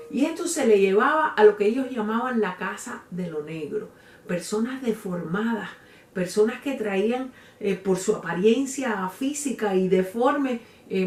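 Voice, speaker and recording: A woman teacher explaining a text slowly, filling pauses with "eh" and checking in with "¿eh?". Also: on the high side, distant mic. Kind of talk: explanatory literature lesson. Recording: roomy echo, voice away from mic.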